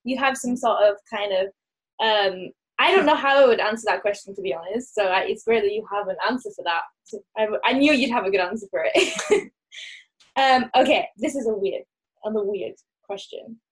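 A woman's voice: medium pitch, lively intonation, normal speed. A woman interviewer asking questions in a casual, playful, giggly way.

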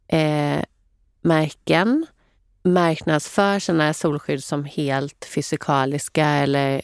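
A woman with a low, creaky voice co-hosts a podcast and explains things earnestly. She pauses often on fillers. Her voice sounds dry and close. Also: no room sound. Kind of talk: casual podcast chat.

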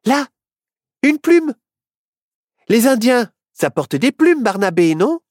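A man's voice: extremely high pitch, big pitch swings, normal speed, darkish tone, no room sound, clean studio sound, pitched above the performer's own voice. Myrtille, a man doing an eager young woman. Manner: eager, exclaiming. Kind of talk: storybook reading.

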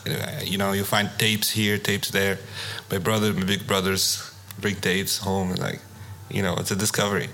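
Low-voiced Tunisian-born musician, hesitant. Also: male voice, level tone, moderate pace, hardly any pauses, pushed and bright, a little hiss or hum. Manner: hesitant, many restarts and fillers. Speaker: musician guest. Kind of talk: casual interview chat.

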